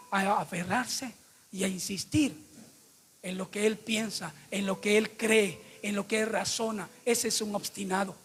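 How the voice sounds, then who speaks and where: High-voiced husky preacher man. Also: a bit bright. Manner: emphatic, asks the congregation rhetorical questions. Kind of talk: sermon.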